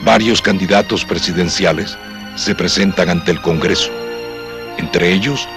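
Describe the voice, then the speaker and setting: A man's voice: deep voice, unhurried, music in the background. A man reading scripted narration as a documentary narrator.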